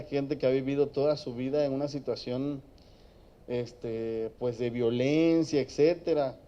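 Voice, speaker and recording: A man speaks as a psychologist to a room of students, his voice dark and mellow. He tells stories in a loose, conversational way and keeps checking that the audience follows. The recording is muffled and lo-fi. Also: medium pitch. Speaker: psychologist giving an addiction-prevention talk. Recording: dull lo-fi recording.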